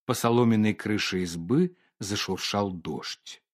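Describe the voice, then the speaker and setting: A man's voice: fairly low pitch, unhurried. A man reading a classic story aloud as the narrator, in a theatrical style. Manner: theatrical, expressive. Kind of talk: expressive literary audiobook reading.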